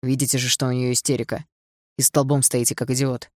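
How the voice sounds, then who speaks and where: A woman's voice: rumbling low, little pitch movement, fairly quick, a little mellow, no room sound, studio quality, voice pushed down. A woman reading an audiobook, voicing a curt, impatient male doctor who sneers. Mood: scornful. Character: gruff impatient male doctor, middle-aged.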